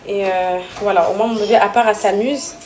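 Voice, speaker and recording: A mother filming a casual family vlog indoors at home chats to the camera and coos at her children, moving between baby talk and confiding in viewers. Her medium-pitched voice is steady in tone and a little fast. The room is echoey, with loud background noise.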